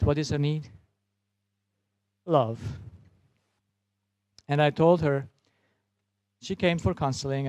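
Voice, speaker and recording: A man's voice: a little high, a little mellow, no room sound. A man speaking English as a non-native with German as his first language, giving a sermon-style talk and telling a story as a doctor, with some broken grammar.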